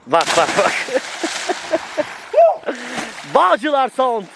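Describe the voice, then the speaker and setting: A man's voice: very high-pitched, very animated, extremely slow, vocal fry, noisy background. A man hosting a casual vlog outdoors, chatting and commenting in a teasing, joking way. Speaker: vlog host and interviewer.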